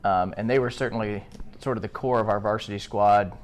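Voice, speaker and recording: A man's voice: on the low side, steady tone, brisk. A man speaking as a head coach at a press conference, answering in an easygoing, conversational way.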